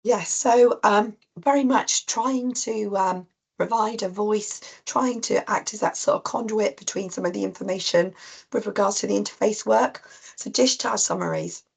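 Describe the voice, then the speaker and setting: A woman with a cold, husky and coughing, giving an informal online talk to practice teams with many ums and restarts. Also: medium pitch, normal speed. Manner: rambling with frequent ums and restarts. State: coughing, voice strained. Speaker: clinical lead presenting to practice teams. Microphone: video call.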